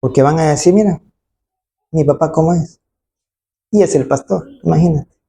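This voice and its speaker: A gravelly, warm, medium-pitched voice at a moderate pace preaches an emphatic sermon to a congregation, with slight background noise. The preacher keeps adding rhetorical tag questions and voicing the people quoted.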